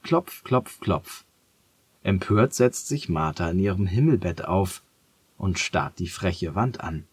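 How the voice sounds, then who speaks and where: A man reads a children's story in a calm, measured voice. His voice is very low and husky, and he speaks slowly and steadily. The recording is close and dry. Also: no echo. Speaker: narrator. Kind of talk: storybook narration.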